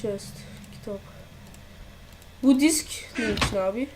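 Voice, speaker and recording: A woman talks through a horror game, jumpy, foul-mouthed and muttering to herself. Her voice sits fairly high. A steady hiss of noise runs under the home recording. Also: measured pace. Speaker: gameplay commentator.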